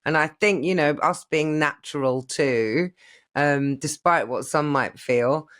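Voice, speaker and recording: A man co-hosts a relaxed podcast conversation in a fairly high voice for a man. He muses in a wry, philosophical way and undercuts himself with self-mocking asides. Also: measured pace, clean tone. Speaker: podcast co-host. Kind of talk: casual chat.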